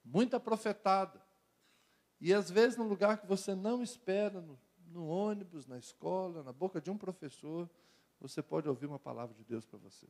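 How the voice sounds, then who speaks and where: A middle-aged Brazilian pastor with a Brazilian Portuguese accent preaches to a youth audience. He talks in a loose, conversational way, mixing jokes with rhythmic repeated phrases, and his voice sits a little high for a man. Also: moderate pace, a little mellow. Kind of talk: sermon to young people.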